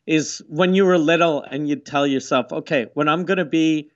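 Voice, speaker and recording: A man's voice: on the high side, moderate pace, highs cut off. A man chatting casually on a podcast, blunt and profane. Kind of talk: casual chat.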